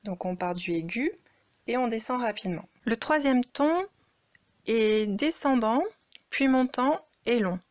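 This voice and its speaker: A woman gives a slow, explanatory lesson, calling out example syllables. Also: medium pitch, dry recording, clean studio sound. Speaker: Chinese language teacher. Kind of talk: spoken lesson demonstrating tones.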